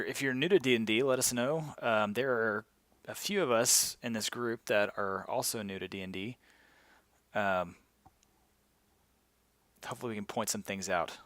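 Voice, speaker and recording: Man, chipper game-show delivery, lowish voice, dry close sound. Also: fairly bright tone, no room sound. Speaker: streamer hosting a game session. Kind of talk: casual live-stream chat.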